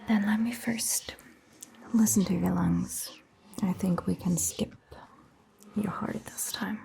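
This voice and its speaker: In a soft-spoken ASMR roleplay, a female performer plays a caring, attentive vampire doctor tending a patient, mostly whispering in a breathy, hushed voice. Her medium-pitched tone stays steady, and her gentle, reassuring mood comes through as she speaks slowly and asks soft questions.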